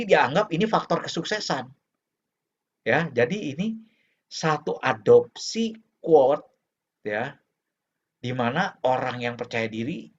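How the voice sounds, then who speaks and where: A man preaching a Buddhist sermon in a temple hall. He talks straight to his listeners and keeps putting rhetorical questions to them. The recording is dull and lo-fi. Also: medium pitch. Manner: addresses the audience often, asks rhetorical questions. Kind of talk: dharma sermon.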